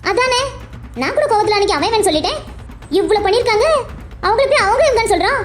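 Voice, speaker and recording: A sharp-tongued young woman in a family cartoon, voiced by a woman confronts and teases her friend with probing questions. Her voice is very high and quick. Faint music runs behind her. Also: lively intonation. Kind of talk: cartoon voice acting.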